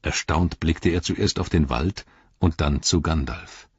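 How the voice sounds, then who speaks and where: A man narrating an audiobook in a very low, husky voice. His reading is steady and formal, each sentence set out plainly. The recording is dry and dull-sounding. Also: measured pace, no room sound.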